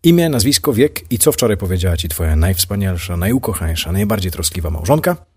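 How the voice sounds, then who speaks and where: A man's voice: low voice, big pitch swings, a little fast, darkish tone, husky, full character voice. A man voicing a playful middle-aged wife who teases her husband with mock-formal questions in a read story. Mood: teasing.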